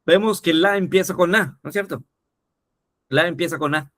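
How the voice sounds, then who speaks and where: Male teacher for an explanatory lesson; bright, lightly raised pitch, patient and repetitive. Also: moderate pace, no echo, clean studio sound. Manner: repetitive, checks in with "¿no?" often. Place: teaching video.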